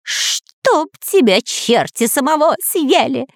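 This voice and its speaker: A woman's voice: medium pitch, big pitch swings, fast talker, no echo, clean studio sound. A woman voicing a cowardly, greedy male spy who whines and hisses. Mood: whiny. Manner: whining, hissing.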